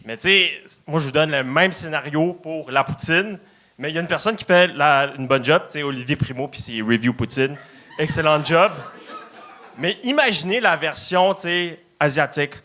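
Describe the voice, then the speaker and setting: A young man with a Quebec French accent delivers a stand-up set in a bright, forceful voice. He sounds nervous, halting often with fillers and restarts. His voice sits a little high for a man. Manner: hesitant, many fillers. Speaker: stand-up contestant.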